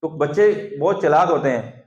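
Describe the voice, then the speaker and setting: Man, devotional storyteller, fairly high voice, roomy dull recording. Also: moderate pace. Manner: animated, acts out scenes with raised voice. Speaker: devotional class speaker. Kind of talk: storytelling sermon. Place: temple or devotional gathering room.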